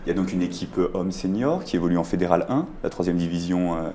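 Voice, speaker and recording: Male radio host, mellow dark voice, lowish pitch, prompting guests, studio interview. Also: fast talker, slight background noise. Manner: prompting, often finishes guests' sentences.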